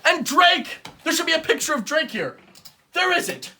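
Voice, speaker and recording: A man hosting a home-made comedy talk show from his bedroom, going on excitable mock rants that swing from mumbling to yelling. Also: extremely high pitch, moderate pace.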